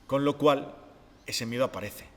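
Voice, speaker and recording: Calm, reflective man explaining. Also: mid-range voice, moderate pace, big-room sound. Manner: calm, reflective, explains step by step with rhetorical questions. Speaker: podcast co-host, behavior expert. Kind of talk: explanatory podcast talk.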